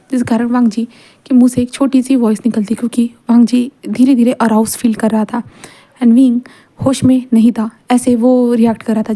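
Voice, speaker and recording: A woman narrates a fan fiction story in a casual, chatty way, full of fillers and repeated words. Her voice is slightly high, very mellow and dark, and it stays flat in pitch.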